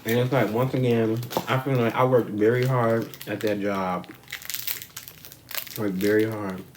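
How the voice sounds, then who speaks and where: Low-voiced man, blunt, rambling vlog talk. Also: fairly even intonation, unhurried, noisy background. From United States. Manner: rambling, profane, slangy and frank; eating while talking. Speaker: vlogger. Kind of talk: casual talk to camera. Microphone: camera mic.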